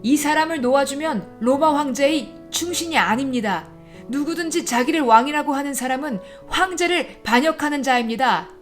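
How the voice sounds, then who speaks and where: A woman playing an angry crowd of accusers, shouting high-pitched, insistent demands. Faint instrumental music plays beneath this dramatized scripture reading. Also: moderate pace, close to an everyday voice.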